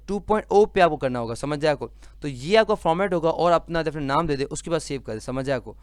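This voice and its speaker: Male software tutor, conversational lesson, smooth resonant voice, slightly high pitch, keeps checking understanding. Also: dry recording. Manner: repeatedly checks understanding with a rhetorical question; conversational, with frequent fillers and restarts. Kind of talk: screen-recorded tutorial lesson.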